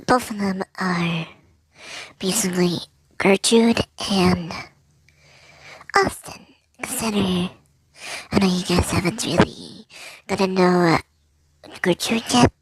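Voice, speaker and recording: A man talking through a voice changer that makes him sound higher, chatting to viewers in a rambling, hesitant way about his characters. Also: takes it slowly, long pauses, slightly rough, dry recording, heavily acted, low-quality recording. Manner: rambling, hesitant, many fillers and restarts. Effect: voice changer shifting his voice higher. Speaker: storyteller presenting original characters. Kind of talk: casual chat to viewers.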